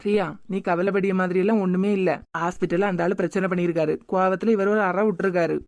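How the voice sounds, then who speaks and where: A woman voicing a calm, reassuring young woman friend in a cartoon, with a Kanyakumari Tamil accent and a steady manner. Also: on the low side, quick pace, no room sound, close to an everyday voice.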